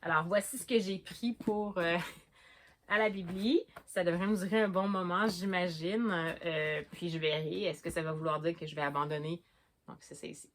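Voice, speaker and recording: Woman, Québécois accent, slightly low voice, casual book vlogger, hesitant and rambling. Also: fairly even intonation, moderate pace, slight background noise. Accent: Québécois French. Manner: chatty, hesitant, many fillers and restarts. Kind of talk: casual chat about books.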